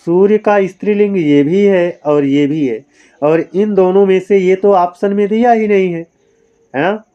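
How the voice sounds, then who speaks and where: A man's voice: high-pitched, unhurried, muffled recording. A man teaching grammar in an online exam-prep lesson, working through multiple-choice questions with rhetorical questions and a repeated "है ना" tag, mixing in motivational advice to students.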